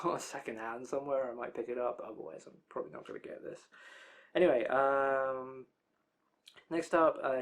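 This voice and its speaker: A young man with a tired, worn-out, medium-pitched voice rambles casually through a roundup of anime release news, full of loose asides.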